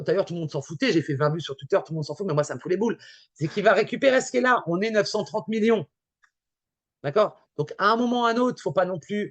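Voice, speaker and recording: A man giving a casual conference talk with slides, talking fast and emphatically and repeating his points to the audience. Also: high-pitched, dry recording. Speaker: conference speaker.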